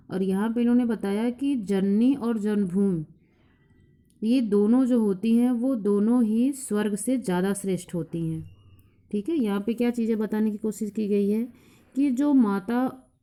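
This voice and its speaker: A woman teacher explaining a lesson to a class, reciting verses slowly and then explaining them in plain, repeated points. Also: on the high side, dark tone. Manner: repeats each point several times. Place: coaching class.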